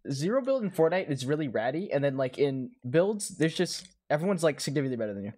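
A man's voice: on the high side, big pitch swings, fast talker, darkish tone. Rambling young man gamer chatting. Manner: rambling, heavy "like" fillers, laughs often. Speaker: podcast host. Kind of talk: casual chat among friends.

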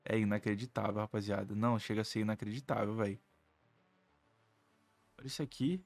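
A man's voice: fairly low pitch, fairly even intonation, a little fast, gravelly, dry recording. A man with a Brazilian Portuguese accent giving live gameplay commentary as host of a gaming channel, complaining in an exasperated, whiny way with slang and swearing.

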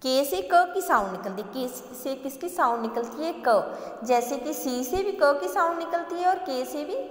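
A woman's voice: high-pitched, lively intonation, moderate pace, echoey room, big-room sound. A woman kindergarten teacher giving a phonics lesson to young children, repeating letter sounds and words in a patient drill. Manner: drills letter sounds with repetition, addresses kids as beta.

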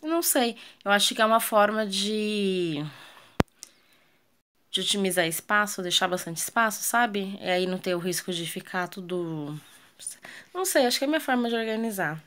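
A woman's voice: on the low side, a bit bright. Chatty Brazilian woman narrating chores. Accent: Brazilian Portuguese. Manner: chatty, asks viewers questions, trails off with fillers. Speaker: home routine vlogger, mother. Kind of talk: casual voice-over narration of cleaning.

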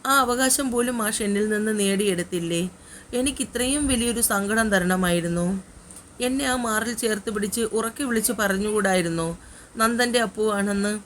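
A heartbroken young woman, read by a female narrator, pleads through her tears. Her voice sits at a middle pitch and stays close to plain speech. It belongs to a romantic audiobook drama. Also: moderate pace, a little hiss or hum, natural voice. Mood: bitter reproach. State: crying.

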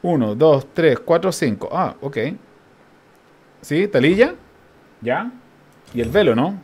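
A man with a Chilean accent giving casual gameplay commentary as a streamer, thinking aloud, counting out loud and chuckling often. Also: a little high, sing-song, slow, breathy edge.

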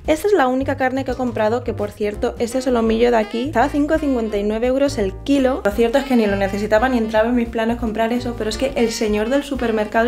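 A woman's voice: on the high side, a little mellow. A young woman with a Spanish accent, chatting animatedly and mocking herself as she shows her shopping in a vlog, filmed with a handheld camera in a small home kitchen. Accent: Spanish from Spain. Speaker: vlogger. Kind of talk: casual vlog chat. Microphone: handheld camera close to face.

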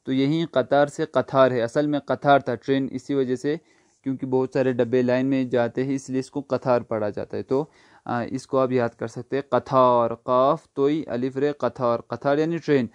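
A man's voice: medium pitch, fairly even intonation, darkish tone, clean tone, no echo. A man teaching an online language lesson, patiently asking what each word is, answering it himself and spelling it out letter by letter. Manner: patient, asks a question then answers it, spells words letter by letter.

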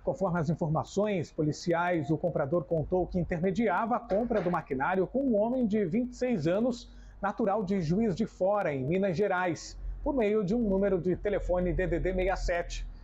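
A man's voice: sits high, moderate pace, a little mellow. A man in his twenties with a Brazilian accent delivering a scripted news report. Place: room beside a window with blinds. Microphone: lapel mic. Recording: dull audio with clear background noise.

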